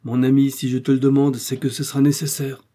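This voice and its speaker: Man doing a resolute explorer doc, urgent, husky dark voice, audiobook. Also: medium pitch, monotone, fairly quick, voice pushed up, natural voice. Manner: commanding, urgent. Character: resolute male explorer and scientist.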